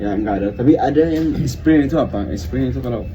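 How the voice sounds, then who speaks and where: A man's voice: mid-range voice, brisk, lo-fi sound, a crowd in the background. A young man with a Sudanese accent speaking Indonesian as a foreigner, chatting casually as a guest and dropping in English words. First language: not Indonesian. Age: young adult. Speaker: interview guest, university student. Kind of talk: casual chat. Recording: distant mic, clear background noise.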